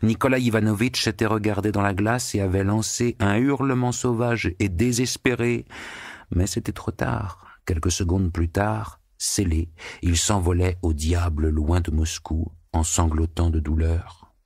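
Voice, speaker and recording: A man reading a novel aloud as an audiobook narrator, with steady, measured storytelling. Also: low-pitched, no echo, studio quality. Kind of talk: scripted narration.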